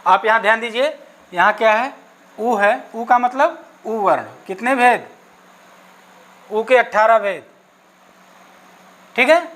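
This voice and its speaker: Male teacher leading an exam-prep grammar lesson at a slow, patient pace, constantly checking in and answering his own questions. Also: very high voice, animated, a bit bright. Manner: asks questions and answers them himself; checks in often with "okay". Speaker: Sanskrit teacher.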